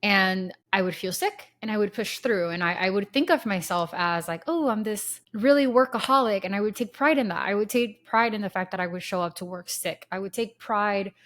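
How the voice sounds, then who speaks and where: A woman in her thirties, nasal from a lingering cold, rambles candidly through casual solo podcast talk. Her mid-range voice is slightly bright and moves at a moderate pace with few pauses.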